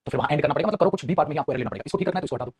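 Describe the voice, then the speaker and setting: A man teaching English grammar in a fast classroom style, repeating phrases and calling students "beta". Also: a little high, expressive, a crowd in the background.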